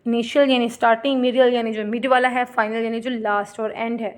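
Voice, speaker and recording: Her pitch fairly high and her intonation fairly even, a woman teaches a class by slowly reading definitions and explaining terms in Hindi-Urdu. She calls her students "beta."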